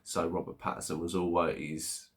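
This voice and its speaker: A man with a notably deep, low-pitched voice talks through a film he has watched. His delivery is casual and unscripted. He often stops on filler sounds while he works out what to say next. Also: flat delivery. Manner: unhurried, thinking aloud with many filler pauses. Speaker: movie reviewer. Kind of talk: casual spoken movie review.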